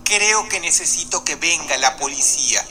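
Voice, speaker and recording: A man reading the lines of a frightened little boy calling an emergency line, in a quiet, trembling way. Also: a little high, expressive, moderate pace, voice pushed down. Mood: scared.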